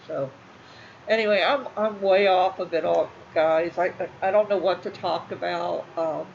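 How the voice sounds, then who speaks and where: A middle-aged woman, talking casually and emotionally to her viewers, halting and repeating herself. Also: lowish voice, fairly even intonation, creaky, darkish tone. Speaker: channel host. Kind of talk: casual talk to livestream viewers. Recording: slightly muffled with faint room noise.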